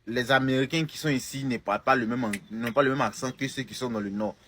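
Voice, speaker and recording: A man's voice: medium pitch, quick pace, a bit bright, a little hiss or hum. A young man with an Ivorian French accent, answering a comment in a casual video. He talks with emphasis and often repeats or restarts phrases. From Côte d'Ivoire. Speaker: content creator.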